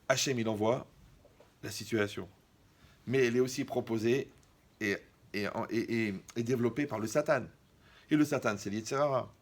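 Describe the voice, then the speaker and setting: Creaky-voiced man doing stand-up. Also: medium pitch. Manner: acts out dialogues, mocking asides. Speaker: comedian. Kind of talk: stand-up comedy monologue.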